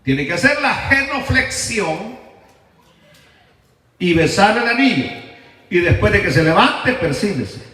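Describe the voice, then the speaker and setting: A man pastor preaching a sermon, telling the story dramatically, with swings between loud shouts and hushed asides. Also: high-pitched, sing-song, a little slow, pauses often. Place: church sanctuary. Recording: echoey church hall, mic at a distance.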